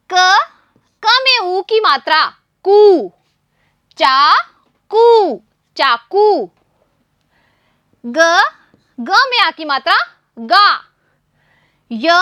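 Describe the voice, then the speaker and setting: A woman's voice: very high-pitched, pushed and bright, no room sound, studio quality. A woman teacher giving a first-grade reading lesson, spelling out each word sound by sound and prompting the children to repeat after her.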